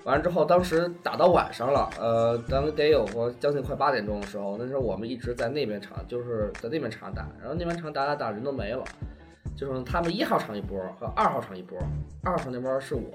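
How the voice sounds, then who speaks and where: A man of middle pitch tells a long, rambling story in a casual podcast chat. He stops and restarts his sentences as he goes. Soft music plays faintly under his voice. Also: animated, quick pace. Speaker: podcast co-host.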